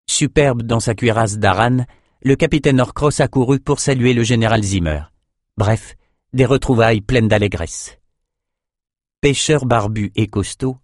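A man narrating a fantasy novel as an audiobook, in even, measured storytelling. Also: on the low side, no room sound, clean studio sound.

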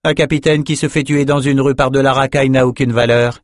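A man's voice: fairly low pitch, animated, moderate pace, no room sound, clean studio sound, close to an everyday voice. A man voicing a callous, mocking sorcerer lord in an audiobook, nonchalant and sardonic. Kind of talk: audiobook character voice.

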